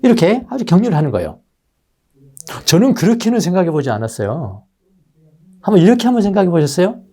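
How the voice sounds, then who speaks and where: Male pastor, Sunday sermon; mellow, warm voice that swings widely in pitch; talks straight to the pews. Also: quick pace. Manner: animated preaching, addresses the congregation directly. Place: church sanctuary.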